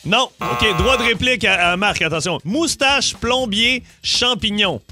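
A middle-aged man with a Québécois accent, hosting morning radio in a high, bright and very animated voice. He teases and laughs his way through a quiz game, and light music plays faintly underneath. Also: measured pace. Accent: Québécois French. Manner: playful, teasing, laughs often. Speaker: radio morning show host.

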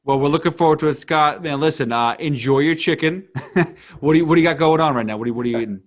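A man's voice: on the high side, fast, no room sound, studio quality. A man hosting a sports podcast, talking casually in an emphatic, colloquial way and often repeating his phrases. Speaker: podcast host. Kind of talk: casual MMA podcast talk and commentary.

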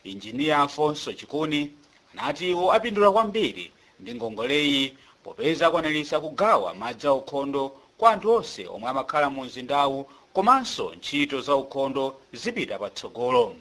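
A man's voice: medium pitch, big pitch swings, a little fast, fairly bright tone. A man with a Malawian accent delivering a scripted news report as a reporter.

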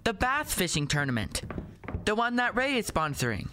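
In a radio play, an actor voices a stubborn, curious, earnest little boy who answers bluntly and literally, like a child, with an eager mood. The delivery is very animated, bright, and forceful in a mid-range voice at a moderate pace, set against noisy outdoor ambience with boat sounds.

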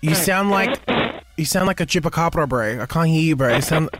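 Guy putting on a sassy flirty aussie woman on the phones, bit high, loud music behind. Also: expressive, a little fast, natural voice. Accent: Australian. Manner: brash, flirty, calls everyone bro. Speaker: radio host doing a character.

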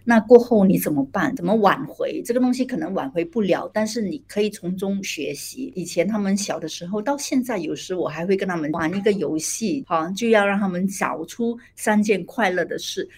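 A middle-aged woman, a guest telling lively anecdotes about her children with many hesitations and bits of English. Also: medium pitch, a little fast, hardly any pauses, slight background noise. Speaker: guest, theatre director and mother. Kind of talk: conversational storytelling interview.

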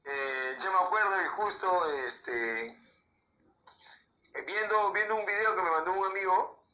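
A man with a Peruvian accent, a former footballer, telling lively anecdotes in an interview, with sound effects and laughter. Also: sits high, slow pace, echoey room, highs cut off, faint music behind. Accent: Peruvian Spanish. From Peru.

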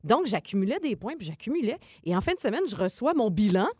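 A woman's voice: medium pitch, sing-song, fast talker, a little mellow, slightly rough, no room sound. Chatty Quebec woman co-host. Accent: Quebec French. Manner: chatty, laughs often. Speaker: radio co-host. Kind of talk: casual chat.

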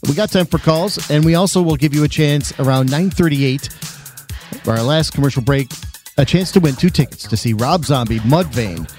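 A man's voice: fairly high pitch, normal speed, darkish tone, soft background music. A man hosting a live sports radio show, moving through announcements and talk to listeners.

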